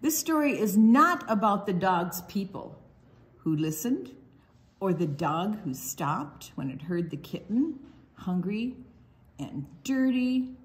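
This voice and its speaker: An older woman from Iowa reads picture books and tells stories for children's storytime in a slow, sing-song, medium-pitched voice. Faint background noise can be heard.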